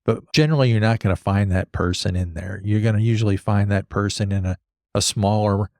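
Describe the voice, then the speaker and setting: A man with a fairly low voice hosts a podcast. He explains things casually and conversationally, recorded dry with hardly any room sound. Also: steady tone, a little fast, creaky, a little mellow, dry recording. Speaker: podcast host, landscape architect.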